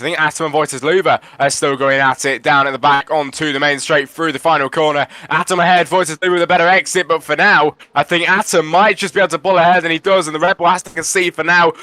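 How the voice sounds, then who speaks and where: A man's voice: high-pitched, bright, forceful tone, dry recording. A man giving live motor racing commentary on an online race.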